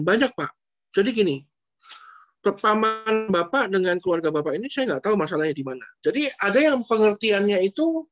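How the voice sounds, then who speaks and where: Pastor guy chatting casually, keeps saying sir, muffled lo-fi stream sound. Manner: conversational, repeats "Pak" often, lively swings in pitch. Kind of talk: casual preaching answer in an online church session. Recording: dull lo-fi online stream audio.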